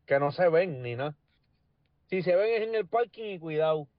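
A Puerto Rican man co-hosts a casual chat and sprinkles his talk with slang and swearing. His voice sits a bit higher than most men's. The audio is dry and slightly muffled. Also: expressive, moderate pace, no echo. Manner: slangy, swears often, keeps saying cabrón.

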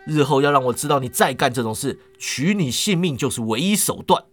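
A man telling a wuxia story, voicing a calm, confident young martial hero who speaks steadily and with command. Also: medium pitch, a little fast, faint music behind, pitched below the performer's own voice, lightly acted. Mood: stern. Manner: steady, commanding, slightly amused.

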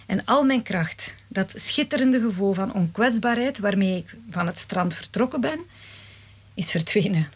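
Husky woman reading a story aloud. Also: medium pitch, animated, measured pace. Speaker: narrator. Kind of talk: storytelling reading, first person.

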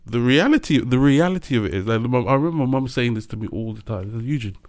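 A man co-hosting a casual chat, animated, laughing often, pressing his points with a preacher's emphasis. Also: medium pitch, quick pace.

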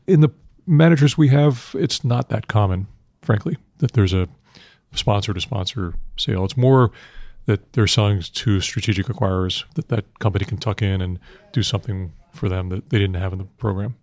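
An older man answering interview questions on finance in a measured, matter-of-fact investment banker manner, heavy with industry jargon. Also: on the low side, darkish tone, dry recording, studio quality. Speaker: institutional investment manager being interviewed.

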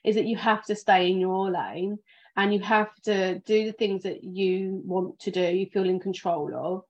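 A woman's voice: medium pitch, fairly even intonation, normal speed, a little mellow. Chatty British woman, slightly muffled. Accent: British, southern English. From England. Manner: chatty, rambling with many ums and restarts. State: sleepy. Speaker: podcast host, financial planner. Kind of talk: casual livestream chat.

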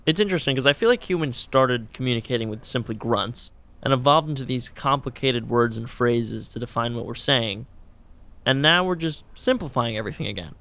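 A man's voice: medium pitch, expressive, brisk, sharp tone. A man hosting a podcast, speaking in a dry, wry scripted way. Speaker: podcast host.

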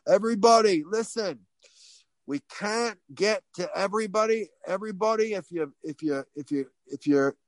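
A man's voice: high-pitched, moderate pace, no echo, pitched above the performer's own voice, natural voice. A man putting on a chummy Australian bloke. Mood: announcing. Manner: chummy, hyped, announcing. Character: upbeat Australian man, airport crowd handler.

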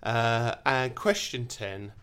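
A man's voice: mid-range voice, slow pace, a bit bright, smooth. A man with an Essex accent, chatting casually and jokily as he hosts a podcast quiz. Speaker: quiz host.

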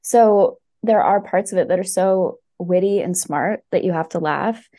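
A woman guesting on a podcast recommends books in a casual, enthusiastic chat full of fillers and restarts. Her mellow voice is fairly low and a little slow.

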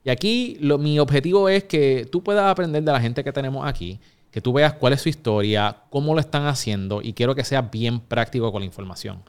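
A man's voice: medium pitch, fairly quick, smooth. A man hosting a podcast from a recording studio, upbeat and speaking straight to his listeners. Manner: upbeat, direct address to listeners. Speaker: podcast host. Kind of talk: energetic podcast hosting with promotional reads.

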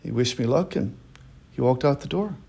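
A middle-aged man telling a personal story in an emotional, halting way, with many restarts. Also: mid-range voice, animated, vocal fry, mellow, slightly rough. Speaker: storyteller guest. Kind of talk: personal story told in interview. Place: quiet room.

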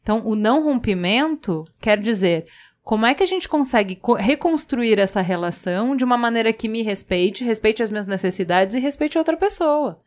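A woman's voice: fairly high pitch, animated, brisk. A woman co-hosting a talk show, speaking in an emphatic, direct casual chat.

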